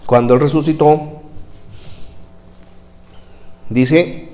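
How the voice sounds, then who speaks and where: Preacher acting out scripture. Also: male voice, on the high side, steady tone, very slow. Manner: acts out voices in the verses, shouting crowd lines and dropping to near whispers. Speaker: pastor. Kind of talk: sermon reading scripture. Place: church.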